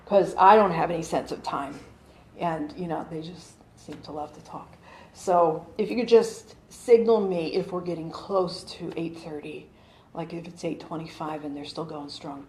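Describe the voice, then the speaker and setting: A deep, darkish-toned voice belongs to a woman in her forties who is explaining her channeling to a small group gathered in a living room. She speaks chattily, with lots of fillers and restarts. Captured by a phone camera across the room, the sound is roomy over a faint background hum.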